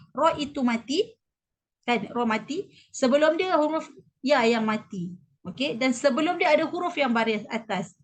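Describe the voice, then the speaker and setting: Malaysian woman, recitation teacher, fairly high voice, patient step-by-step explainer. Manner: explanatory, repeats key points, checks with "okey?". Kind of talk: mosque class on tajwid pronunciation. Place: mosque.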